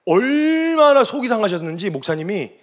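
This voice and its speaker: A man preaching as a missionary, telling a story with lively delivery and sudden shouted quotes. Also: high-pitched, normal speed. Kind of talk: sermon testimony.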